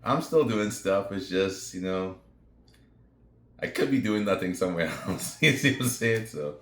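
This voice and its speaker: Very deep-voiced man in an echoey room. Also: normal speed. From Trinidad and Tobago. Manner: relaxed and rambling, with fillers and asides to viewers. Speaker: retired veteran vlogger. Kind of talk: casual talking-to-camera vlog.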